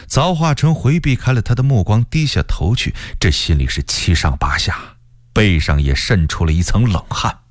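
A man narrating a historical story for radio in a deliberate, expressive storyteller's delivery. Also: on the low side, no echo, studio quality.

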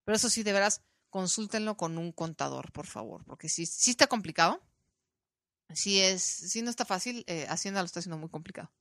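A woman's voice: mid-range voice, a little fast, dry recording, clean studio sound. A woman with a Mexican accent hosting a podcast, chatting casually and acting out the people in her story. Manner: animated storytelling, acting out quoted voices. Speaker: podcast host. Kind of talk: casual chat.

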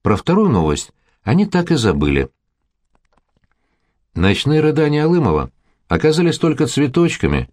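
A man narrating an audiobook in a calm, even storytelling manner. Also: on the high side, moderate pace, long pauses, no echo, studio quality. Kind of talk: scripted narration.

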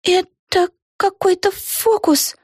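A woman doing a timid, high young girl. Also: steady tone, takes it slowly, no echo, studio quality. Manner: earnest and plaintive, protesting. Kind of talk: audiobook voice acting.

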